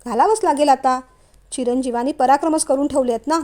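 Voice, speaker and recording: Brief: woman doing a strict storybook father, firm and curt, high voice. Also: fairly quick, warm tone, lightly acted. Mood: stern. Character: stern strict middle-aged father, blunt.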